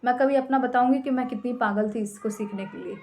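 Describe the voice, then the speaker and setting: A woman's voice: on the high side, steady tone, fast, darkish tone, soft background music. A young Indian woman giving emphatic, repetitive tips to English learners, mixing Hindi and English. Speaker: English teacher. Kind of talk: casual tutorial talk.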